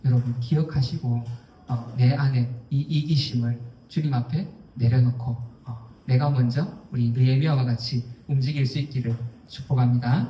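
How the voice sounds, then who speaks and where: Emphatic pastor, preaching in an echoey hall. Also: male voice, medium pitch, fairly even intonation, moderate pace, warm tone, distant mic, muffled recording, a little hiss or hum. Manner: emphatic, acts out quoted speech, many fillers. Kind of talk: sermon. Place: church sanctuary. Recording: echoey hall, voice heard from afar.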